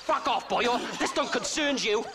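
An actor with a Welsh accent playing a menacing outlaw in a video game, taunting in a sing-song way. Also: male voice, very high-pitched, normal speed. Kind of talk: video game cutscene acting. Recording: game audio with clear background noise.

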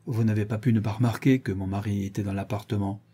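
A man reading an audiobook, voicing a stern, shrewd woman who questions her servants in a measured, deliberate way. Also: lowish voice, steady tone, mellow, husky. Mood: cold.

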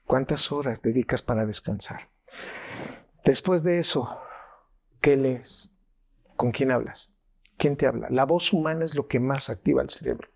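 A man's voice: mid-range voice, normal speed, creaky, pauses often. A middle-aged man with a Mexican Spanish accent, a neuroscientist explaining things with animation and acting out quoted voices. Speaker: neuroscientist guest. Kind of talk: explanatory interview talk.

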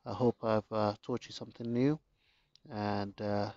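A man giving a casual how-to narration in his garden, relaxed and chatty with jokey asides, recorded on a handheld phone. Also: fairly low pitch, unhurried, no room sound, lo-fi sound. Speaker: gardening vlogger. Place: home garden, outdoors.

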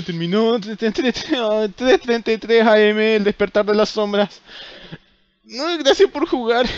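A man's voice: high voice, no echo, highs cut off. Jumpy Chilean man playing horror game. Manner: jumpy, nervous, talks to himself. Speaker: gamer.

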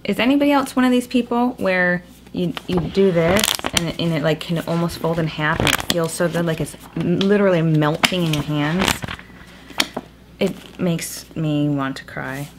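A woman's voice: on the low side, moderate pace. A young woman chatting casually about a book haul as a vlogger, recorded in a small room with a cave-like echo. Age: young adult. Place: small indoor room at home. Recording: echoey cave-like room, clear background noise.

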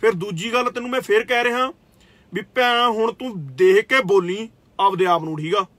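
Brief: young Indian Punjabi man, kabaddi player, confrontational scolding rant, very high, sharp bright voice. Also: normal speed, no echo. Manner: confrontational, scolding, swears, repeats "theek aa". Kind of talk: angry direct-to-camera rant.

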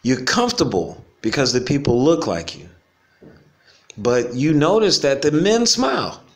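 A man's voice: medium pitch, big pitch swings, measured pace. Laid-back man musing aloud. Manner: laid-back slangy talk, chuckling often, reflective. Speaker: vlogger. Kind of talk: casual stream-of-consciousness monologue. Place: home in the Caribbean.

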